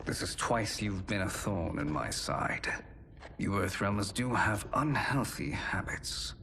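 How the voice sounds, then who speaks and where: Shang Tsung, a condescending sorcerer. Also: male voice, lowish voice, animated, measured pace, heavily acted. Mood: disdainful. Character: scheming male sorcerer alchemist, cold and calculating. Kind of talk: video game cutscene acting. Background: loud orchestral game score.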